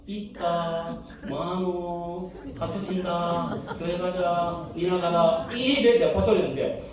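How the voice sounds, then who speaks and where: A man's voice: high voice, fairly even intonation, takes it slowly, a crowd in the background. A man with a Gyeongsang Korean accent preaching a sermon, telling an anecdote and mimicking grandmothers' dialect voices. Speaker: pastor. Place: church sanctuary. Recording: roomy church hall from far off.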